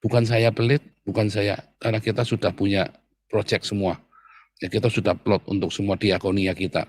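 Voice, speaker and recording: A man preaching a sermon in a conversational way, often turning to his listeners directly and growing animated when he tells stories. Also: on the low side, moderate pace, no echo, studio quality. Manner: conversational, repeatedly addressing listeners as brothers and sisters.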